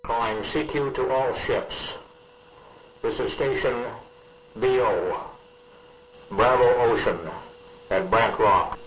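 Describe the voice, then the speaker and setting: A man announcing a radio transmission, spelling out a call sign slowly, heard over AM radio with a hum. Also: mid-range voice, fairly bright tone. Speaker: radio operator announcing a broadcast. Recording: distant, muffled radio signal with hum.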